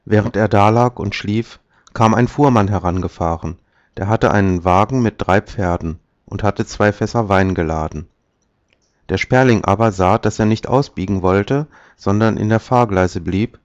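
A man reading a fairy tale aloud in a measured, calm storytelling manner, on a dull, dry recording. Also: fairly low pitch, no echo. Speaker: narrator.

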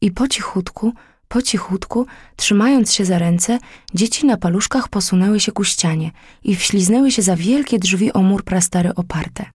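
A woman narrating an old tale as an audiobook, in a measured, dramatic storytelling manner. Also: medium pitch, darkish tone, husky, no echo, studio quality.

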